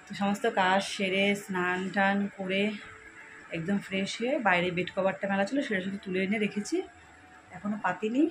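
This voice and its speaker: A woman chats softly to her viewers from a balcony at home, pitched right in the middle of her range. She keeps checking whether they are following along. Clear background noise and birdsong sit behind her phone recording. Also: fairly even intonation, a little fast. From India. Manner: talking softly to keep a sleeping child undisturbed. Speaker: family vlogger. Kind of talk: casual vlog chat to viewers. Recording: noisy home ambience with birds.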